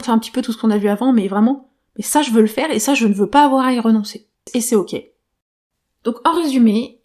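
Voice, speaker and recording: A woman's voice: a little high, a little mellow. A woman hosting her own podcast, explaining ideas in a casual, thinking-aloud way with frequent fillers and restarts. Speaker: podcast host. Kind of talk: solo podcast talk.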